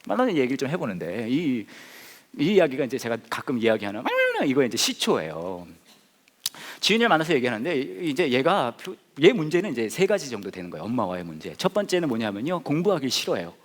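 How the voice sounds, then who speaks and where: A man's voice: mid-range voice, fast, big-room sound. A man preaching, a pastor telling a story with humor and acting out the people in it. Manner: animated, jokey, acts out voices.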